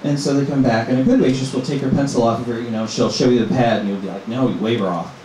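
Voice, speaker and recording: A middle-aged man from Minnesota works through a stand-up set at a middle pitch, with a deadpan delivery padded by ums. His voice rings through a very echoey small club, picked up from a little way off the mic, with a faint hum of room ambience behind him. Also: far from the mic. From Minnesota, USA. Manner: halting, filler-heavy, deadpan delivery. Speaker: stand-up comedian.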